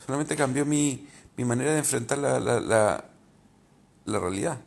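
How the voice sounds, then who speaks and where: Gravelly rabbi. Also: male voice, medium pitch, moderate pace. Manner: candid and reflective, with many hesitations and restarts. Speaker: rabbi teaching spirituality. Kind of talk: informal spiritual talk.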